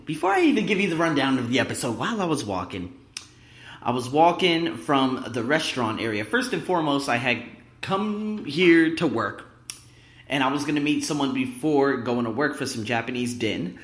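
A man's voice: mid-range voice, very animated, moderate pace, a bit bright. A man hosting a podcast, giving an emphatic motivational monologue straight to his listeners, full of rhetorical questions, in a big echoing room. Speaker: podcast host. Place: indoor room at work. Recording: echoing, roomy sound in workplace room.

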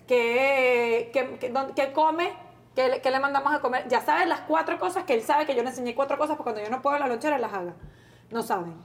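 A high-pitched woman with a Venezuelan accent, in her thirties, co-hosting a playful talk show. She rants in an animated, exasperated way and acts out quotes as she vents. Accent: Venezuelan Spanish. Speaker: co-host. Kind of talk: casual comedic banter.

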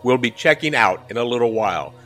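A man playing an impatient husband in a haunted hotel, gruff and quick to demand help. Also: medium pitch, animated, a bit bright, faint music behind, close to an everyday voice. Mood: curt. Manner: gruff, then frantic and stammering.

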